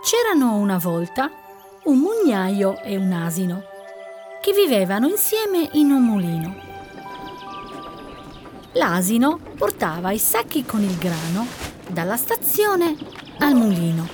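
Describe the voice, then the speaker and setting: Narratrice lenta ed espressiva. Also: female voice, mid-range voice, faint music behind. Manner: slow, expressive storytelling. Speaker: storyteller. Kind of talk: reading a fairy tale aloud.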